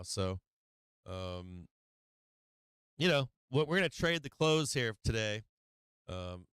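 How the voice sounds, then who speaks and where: Hosting a live trading stream, a man talks markets casually, swearing freely, using many fillers and laughing often. His voice is mid-range, fairly bright, strikingly clear and smooth, though it has been wearing out this week. The recording is close and dry, with no echo.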